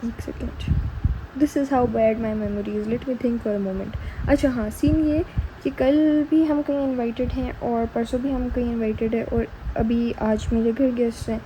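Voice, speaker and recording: Young pakistani girl vlogging, slow easygoing chatter, a bit high, mixes urdu n english. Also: fairly even intonation, background noise. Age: young adult. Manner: chatty, mixing Urdu and English mid-sentence. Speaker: student vlogger. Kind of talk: casual vlog voice-over.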